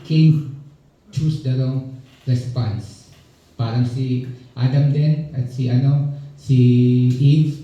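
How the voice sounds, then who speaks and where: A man with a Filipino accent preaches in a relaxed, joking way and keeps turning to his congregation with little tag questions. His voice is very dark and mellow at a middle pitch. It rings through a very echoey church room on a slightly dull recording. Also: far from the mic. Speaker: pastor. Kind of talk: conversational sermon. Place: church hall.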